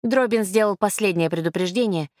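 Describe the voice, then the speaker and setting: A woman narrating a crime novel chapter in an even, steady storytelling voice, recorded dry. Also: medium pitch, fairly quick, dry recording. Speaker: audiobook narrator.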